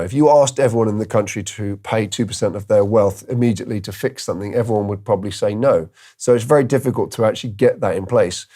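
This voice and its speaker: Low, mellow-voiced man giving crypto commentary. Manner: thinking aloud with restarts and fillers. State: tired, yawning. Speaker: crypto video host. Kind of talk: casual commentary to camera.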